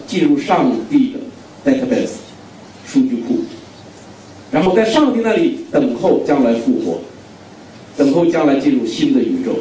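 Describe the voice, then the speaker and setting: A middle-aged man from China preaches with a mellow, dark voice, driving his points home by repeating them and questioning the crowd. He sounds set back from the microphone, and his words ring through a very reverberant hall with faint noise underneath. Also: medium pitch. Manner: emphatic, repeats key phrases, asks the audience questions. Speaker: guest preacher. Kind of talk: sermon. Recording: very echoey hall, distant mic.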